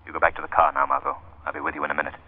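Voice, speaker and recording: An actor playing a mysterious, commanding crime-fighter in old radio drama style, slow, deliberate and theatrical. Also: male voice, extremely low pitch, flat delivery. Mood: calm reassurance. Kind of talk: 1930s-40s radio drama acting. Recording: muffled old radio broadcast with music.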